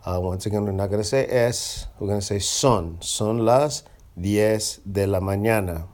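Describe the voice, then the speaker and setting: A man with a lowish voice gives a casual screencast lesson. He talks conversationally and slows right down to drill short phrases. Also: darkish tone. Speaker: Spanish teacher. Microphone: screencast voice recording.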